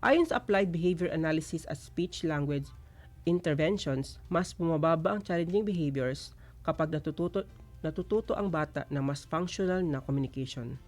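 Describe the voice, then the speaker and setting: A man and father explaining parenting strategies calmly, switching between Tagalog and English. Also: fairly high pitch, normal speed, soft background music. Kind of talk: talk show advice segment.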